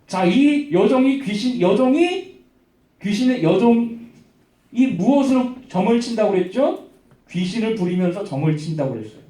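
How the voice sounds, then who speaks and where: A man preaching a Sunday-school sermon, telling a Bible story with lively animation and quizzing the children by name. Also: high-pitched, normal speed, far from the mic. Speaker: children's pastor. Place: church hall. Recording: roomy church hall, voice from afar.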